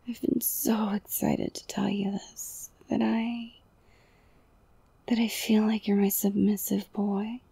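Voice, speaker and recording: A young woman whispering an intimate ASMR roleplay, slow and soothing, softly domineering and coaxing. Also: fairly high pitch, vocal fry, slightly rough, no room sound. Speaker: audio roleplay performer.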